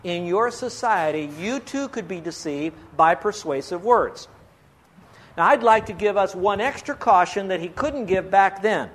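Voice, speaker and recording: A male pastor with a notably high voice delivers a sermon. He pleads earnestly and leans on rhetorical questions to press his point. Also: expressive, measured pace, fairly bright tone.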